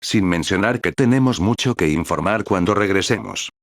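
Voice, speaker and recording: A man's voice: deep voice, normal speed, dry recording, studio quality. A man voicing a sly, mocking adventurer party leader. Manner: mocking, knowing.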